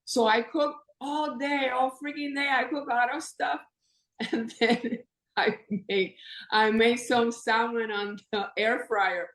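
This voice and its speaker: A woman in her fifties from Puerto Rico, a podcast guest in casual conversation, animated and laughing often as she talks. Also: a little high, slow. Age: 50s. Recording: echoey room.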